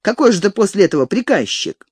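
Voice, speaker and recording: A reader voicing a calm young man who talks firmly and matter-of-factly with a frightened old servant, in a storybook reading. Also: medium pitch, fast, slightly rough, no echo, pitched above the performer's own voice. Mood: firm impatient. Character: young man, calm and scornful, estate messenger.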